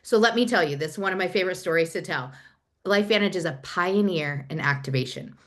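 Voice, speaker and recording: A woman giving an excited, fast, chatty online presentation over a video call. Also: fairly low pitch. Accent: Nebraska. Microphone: computer mic on a video call.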